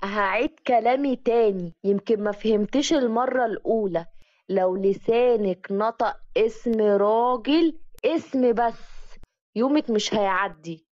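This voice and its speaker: Lady doing a blunt egyptian young guy, menacing, kinda high voice, dull dry audio. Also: fairly quick, a little mellow, no echo, close to an everyday voice. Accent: Egyptian Arabic. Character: young man, cold and threatening university lecturer.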